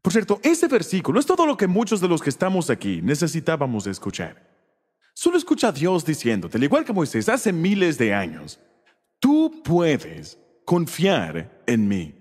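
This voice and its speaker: A man's voice: a little high, wildly swooping pitch, a little fast, husky, big-room sound. A man preaching a sermon as a pastor, often checking in with the congregation with rhetorical questions.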